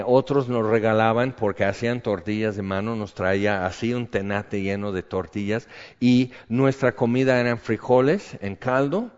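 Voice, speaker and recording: A man preaching a sermon, moving between hushed prayerful passages and loud fervent outbursts. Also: lowish voice. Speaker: pastor. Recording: dull sound with long hall reverb.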